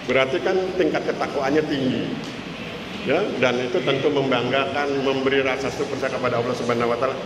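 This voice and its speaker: A man in his sixties gives a motivational talk in a mosque, chatty and joking as he keeps turning to his listeners for a nod. His mid-range voice rings through a large, reverberant hall with steady background noise behind it. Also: medium pitch, a little fast. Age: 60s. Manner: chatty and joking, often checking in with the audience with 'ya?'. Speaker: lecturer giving a mosque talk.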